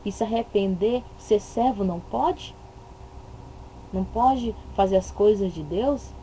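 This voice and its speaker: A woman's voice: mid-range voice, unhurried, mellow, slight background noise, low-quality recording. A woman with a Brazilian Portuguese accent giving an impassioned religious monologue, emphatic and full of rhetorical questions. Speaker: religious commentator.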